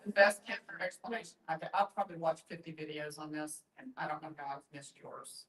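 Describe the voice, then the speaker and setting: A woman with a slightly low voice talks casually. She speaks as an attendee at a hands-on workshop. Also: fast, fairly bright tone, echoey room, low-quality recording. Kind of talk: casual chat.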